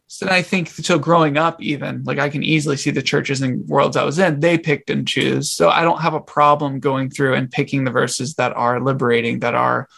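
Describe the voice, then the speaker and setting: A man appearing as a guest on a podcast, thinking aloud and often restarting his phrases. His voice has a mid pitch and a gravelly, creaky texture. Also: steady tone, moderate pace, few pauses, fairly bright tone. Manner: reflective, searching for words, restarts phrases. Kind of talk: casual podcast conversation.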